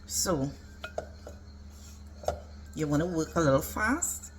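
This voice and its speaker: A woman's voice: deep voice, animated, slow, noisy background. A woman giving a casual, step-by-step cooking demonstration as a home cook. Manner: instructional, step-by-step. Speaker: home cook presenting a recipe.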